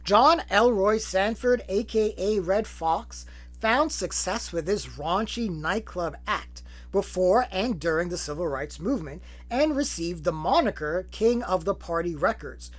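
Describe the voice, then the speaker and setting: A man's voice: high voice, lively intonation, measured pace. A man hosting a film retrospective, talking with sarcastic, profane jokes between clips. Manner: sarcastic, profane, joking asides. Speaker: film review host.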